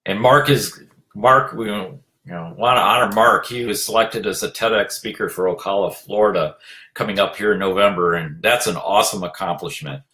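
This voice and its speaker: A man giving an earnest motivational talk as a leadership coach, urging listeners on, repeating his phrases and filling pauses with "you know". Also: lowish voice, bright, forceful tone.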